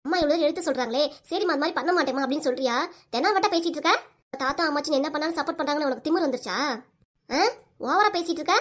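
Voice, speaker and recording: A short-tempered cartoon mother nagging her kids , voiced by a woman. She scolds in a highish voice at a rapid clip. She has a southern Tamil accent. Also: fairly bright tone. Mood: scolding.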